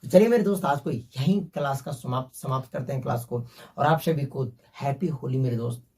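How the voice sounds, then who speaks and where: A man's voice: medium pitch, a little fast, darkish tone, far from the mic. A man teaching a basic math lesson, working through sums step by step and calling his viewers "my friend".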